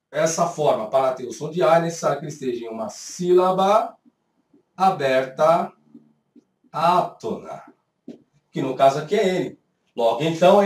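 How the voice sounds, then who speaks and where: A man with a Brazilian Portuguese accent teaching a grammar lesson step by step, voicing his students' questions himself. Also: fairly high pitch. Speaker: Hebrew teacher. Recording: echoey room, voice from a distant mic.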